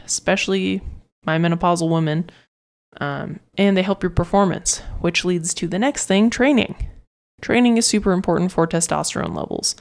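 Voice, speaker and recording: A woman fitness coach talks through her solo podcast in a loose, rambling way, full of fillers and restarts. Her voice sits a bit low and has a gravelly, fry-tinged edge. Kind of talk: casual solo podcast talk.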